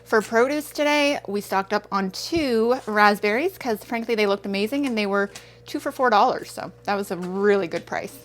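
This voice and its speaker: A woman's voice: mid-range voice, moderate pace. A woman in her thirties chatting casually through a grocery haul vlog, rambling with self-aware asides. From Canada. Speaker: vlogger.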